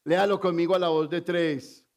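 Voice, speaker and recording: A man's voice: on the high side, steady tone, moderate pace. A male pastor preaching a sermon with emphasis, asking the congregation questions as he goes.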